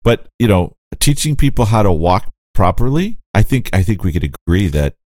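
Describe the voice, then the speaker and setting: Very deep-voiced man, halting speech. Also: sing-song, darkish tone, dry recording. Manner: hesitant, many fillers. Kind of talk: casual chat.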